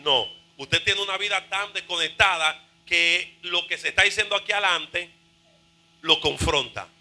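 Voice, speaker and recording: A male pastor preaching a fervent sermon, shouting and half-singing his phrases. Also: high-pitched, moderate pace, poor audio.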